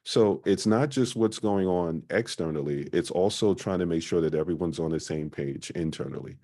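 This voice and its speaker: Man, very deep voice, mellow tone, conversational workshop presenter, filler-heavy. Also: normal speed. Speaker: business presenter. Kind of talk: small-business marketing workshop talk.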